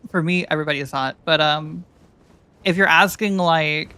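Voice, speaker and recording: Gaming on stream, a woman rambles and jokes in casual chat, often cutting herself off and starting over. Her feminine voice sits low and sounds bright and forceful, at normal speed, recorded cleanly with no echo.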